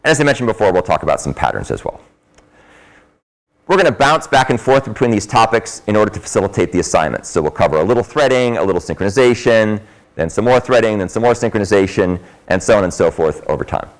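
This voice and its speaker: Man, university lecturer, deep voice muffled through a face mask, informal explanatory delivery, emphatic stresses. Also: expressive, fast talker. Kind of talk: classroom lecture. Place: classroom.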